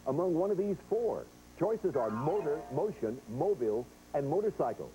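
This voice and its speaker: Animated, mellow male game show host. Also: on the high side, moderate pace, low-quality recording. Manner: chatty, addresses players and home viewers directly. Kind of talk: game show hosting, explaining rules and reading quiz questions. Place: television studio.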